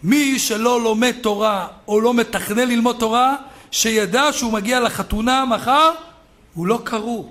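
High-voiced rabbi man preaching. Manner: storytelling, builds to loud shouting peaks, chuckles. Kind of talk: sermon with stories.

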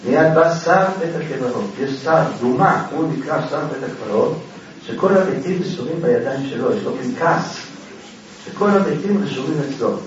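High-voiced man teaching in an echoey hall. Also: slight background noise. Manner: animated, fires rhetorical questions and answers them. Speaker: Torah teacher. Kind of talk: religious lesson with dramatic storytelling. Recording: very echoey, distant, dull hall recording.

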